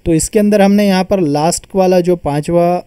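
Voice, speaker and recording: A man's voice: high voice, normal speed, warm tone, clean tone, dry recording, studio quality. A man teaching a grammar lesson, patiently explaining and repeating terms as he sounds them out.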